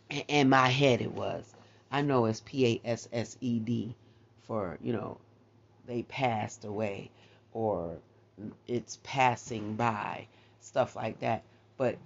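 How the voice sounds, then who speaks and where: A man's voice: medium pitch, creaky. A man preaching a morning devotional message, urging listeners on with repeated declarations. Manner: exhorting, repetitive, declarative. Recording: dull lo-fi recording.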